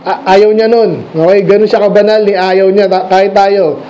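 High-voiced man preaching a conversational sermon. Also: steady tone, moderate pace, mellow, highs cut off. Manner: conversational, asks the congregation questions; mixes English phrases into his speech. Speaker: pastor. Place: church sanctuary.

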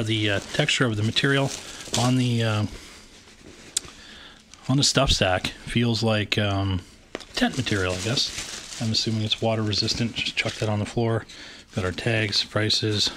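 Indoors in a wooden-floored room, a Canadian man unpacks camping gear and reviews it casually, holding the camera pointed downward. His medium-pitched voice sounds pushed and bright, he hesitates with many fillers, and there's slight background noise.

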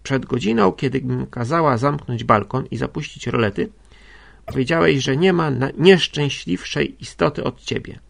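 A man reading an audiobook, voicing a sick, fretful and domineering older lady in a high, loud, exclamatory voice. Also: moderate pace, gravelly. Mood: suspicious. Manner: shrill, exclamatory, bossy.

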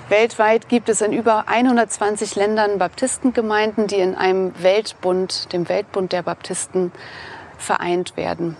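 Woman in her 30s, from east germany, calm clear presenter voice, lapel mic outside in a park. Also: medium pitch, slight background noise. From eastern Germany. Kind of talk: scripted explainer to camera. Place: outdoors in a sunny park.

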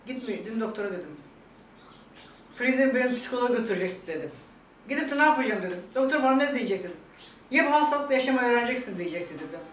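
Older woman, quick emotional chat, tearful and laughing, distant echoey room. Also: fairly high pitch, animated. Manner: tearful and laughing by turns, quoting others. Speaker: vlog guest talking about her illness. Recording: echoey room picked up from afar, faint background noise.

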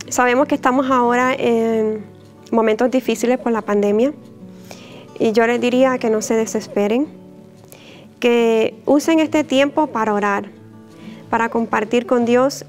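Wearing a lapel mic in a mid-sized church chapel, a woman religious from Puerto Rico, in her thirties, shares her personal testimony to camera. She is gentle and unhurried, her voice a little high, with soft fillers and light laughter.

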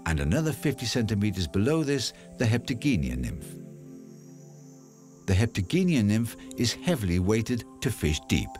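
A man giving calm, explanatory scripted narration for an outdoor documentary. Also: lowish voice, normal speed, faint music behind.

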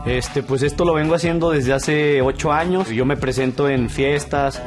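A man's voice: a little high, moderate pace. A Mexican man in his twenties introducing himself as a party emcee contestant on a talent show. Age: 20s. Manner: hypes up an imaginary crowd. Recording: loud backing music.

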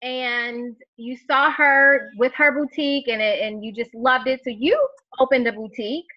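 Upbeat woman host of a live web show, high pitch, muffled video-call sound. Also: steady tone, normal speed. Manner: bubbly, encouraging, upbeat. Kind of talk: live online interview. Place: home room over a video call. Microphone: webcam on a video call.

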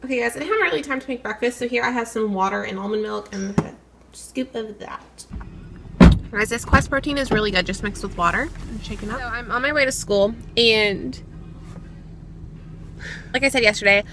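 A young woman chatting casually to her camera in a beauty vlog, upbeat with quick asides. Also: a little high, very noisy. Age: young adult. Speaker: beauty vlogger.

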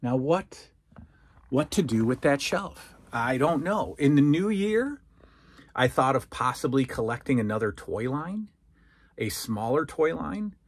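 Husky man touring his collection room. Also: mid-range voice, big pitch swings, a little slow. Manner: rambling, self-questioning; walking around while filming. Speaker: collector vlogger. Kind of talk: casual room tour. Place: small basement collection room, indoors. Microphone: phone held at arm's length.

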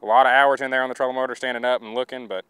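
A man's voice: mid-range voice, little pitch movement, very fast, a bit bright, clean tone, no room sound. A young man, a college angler, casually explaining his fishing day in an interview. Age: young adult.

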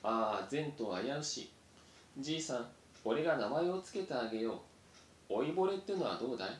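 A man's voice: lively intonation, brisk, close to an everyday voice. A man voicing a sly, sarcastic male mouse who teases. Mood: mocking. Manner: sarcastic, teasing. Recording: roomy echo, faint rumble.

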